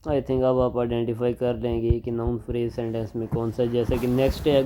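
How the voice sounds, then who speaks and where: A man teaching English grammar in a lecture, explaining in Hindi mixed with English and reading example sentences slowly. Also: mid-range voice, mellow. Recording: dull lo-fi recording with faint noise.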